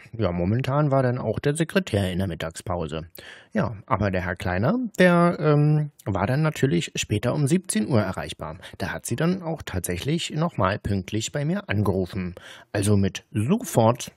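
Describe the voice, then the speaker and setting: Animated, sarcastic man commenting. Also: fairly low pitch, no room sound, clean studio sound. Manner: sarcastic, colloquial. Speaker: host of scam-baiting recordings. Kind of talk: casual mocking commentary.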